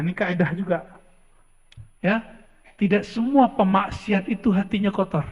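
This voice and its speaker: Male preacher, high voice, emphatic storytelling sermon, rhetorical questions, long hall echo. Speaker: Islamic preacher. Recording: dull lo-fi with long hall reverb.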